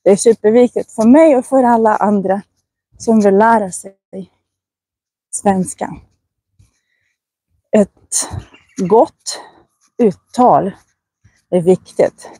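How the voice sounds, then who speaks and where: Woman, Russian native speaker, casual walking vlog outdoors, slow careful enunciation, warm mellow tone, dry close mic. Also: mid-range voice, no echo. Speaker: Swedish teacher. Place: outdoors on a residential walk.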